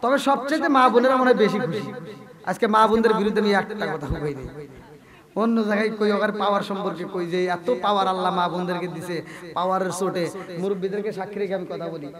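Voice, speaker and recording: A man with a very high voice delivers a lively sermon at a gathering, acting out little dialogues and pressing listeners for agreement. At times he slips into sung chanting. A crowd is clearly heard behind him. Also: fast. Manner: jokey, acts out quoted dialogue, breaks into sung chanting; keeps prodding the crowd for agreement. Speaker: preacher. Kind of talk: Bengali waz sermon.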